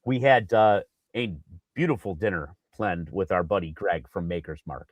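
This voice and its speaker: A man co-hosting a casual sports podcast, telling an animated story with lots of fillers and acted-out quotes. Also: sits low, moderate pace, dry recording, highs cut off. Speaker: podcast co-host.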